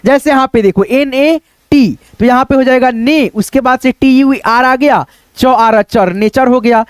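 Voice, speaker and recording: A man's voice: extremely high pitch, a little slow, clean tone, no room sound. A man teaching English pronunciation rules, asking and answering his own questions and repeating phrases often. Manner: addresses viewers as friends, repeats phrases. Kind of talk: spoken English lesson.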